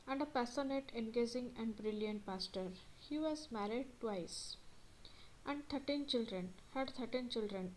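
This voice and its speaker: A woman tutor reads through study notes and then repeats the main points in her own words. Her voice sits a little high. A faint hiss runs under the recording. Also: a little mellow, low-quality recording. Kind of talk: reading and explaining study notes.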